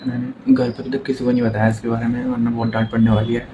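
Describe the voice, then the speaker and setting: A young man rambles through his day in a brisk, flat-toned daily vlog, filmed on a phone he holds himself. Clear background noise sits under his voice throughout. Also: medium pitch. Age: young adult. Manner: chatty, rambling, talking to camera about his day. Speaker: vlogger. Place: home and rooftop. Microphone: phone held in hand.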